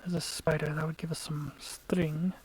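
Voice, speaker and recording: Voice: medium pitch, little pitch movement, normal speed, a little hiss or hum, rough recording. A let's play gamer giving casual, chatty gameplay commentary, explaining tactics to viewers and sometimes dropping to a whisper.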